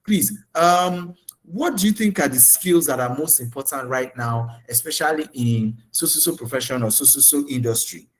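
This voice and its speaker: A man's voice: mid-range voice, moderate pace, close to an everyday voice. A man with a Nigerian English accent mimicking a timid, overly polite job seeker asking for advice. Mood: pleading. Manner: deferential, pleading.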